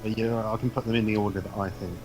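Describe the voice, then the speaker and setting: A man's voice: on the low side, fairly even intonation, quick pace, a little mellow, faint music behind, rough recording. Chatty man, laughing often. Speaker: comedy podcast co-host, guest. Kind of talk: casual chat.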